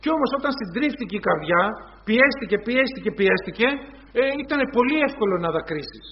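A high-pitched man delivers a sermon, often turning to his listeners as brothers and acting out little dialogues as he speaks. The recording sounds dull and lo-fi. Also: sing-song. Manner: retells scenes in quoted voices, addresses congregation as brothers. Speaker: preacher.

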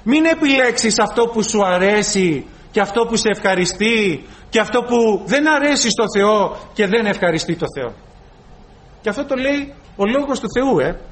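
A male preacher giving a dramatic sermon, quoting scripture and acting out dialogues between God and people. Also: high voice. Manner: dramatic, quotes and acts out dialogue, swings loud to soft.

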